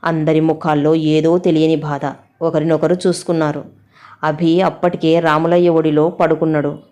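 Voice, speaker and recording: A woman narrating a village story in a steady, plain way, with a Telangana Telugu accent. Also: sits low, moderate pace.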